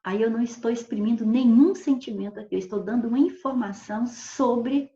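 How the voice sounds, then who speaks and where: A woman's voice: a little high, brisk, warm tone. A woman teacher giving a recorded grammar lesson, patiently explaining through spoken examples and often checking in with her students. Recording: echoey room, dull lo-fi sound.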